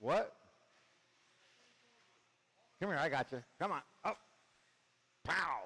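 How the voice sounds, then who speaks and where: A man's voice: fairly high pitch, lively intonation, takes it slowly, pushed and bright, long reverb tail. A man running a club race, organizing marshals and giving casual live commentary, joking and calling out to drivers.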